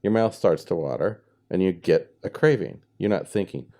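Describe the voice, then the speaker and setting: A man with a very deep, dark voice, speaking as a guest on the podcast. He explains things in a plain, matter-of-fact manner, without flourish. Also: animated, normal speed. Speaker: guest, spiritual healer. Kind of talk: conversational interview.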